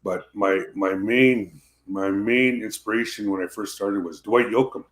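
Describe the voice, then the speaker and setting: A deep-voiced country singer talks casually about his music over a video call, a little slowly. He often restarts and repeats words.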